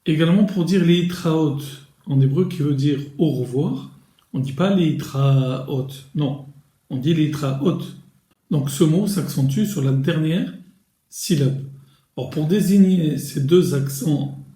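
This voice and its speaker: A man giving a recorded grammar lesson, explaining slowly and deliberately with pauses and small restarts. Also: fairly high pitch, mellow, echoey room. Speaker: Hebrew grammar teacher.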